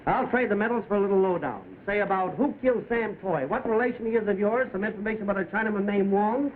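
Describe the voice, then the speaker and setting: A brash reporter played by a man talks in a high, cocky, slangy voice. He is pushy and wisecracking in 1930s film manner. The soundtrack is thin and slightly noisy. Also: quick pace, phone-quality sound, close to an everyday voice. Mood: cocky, probing.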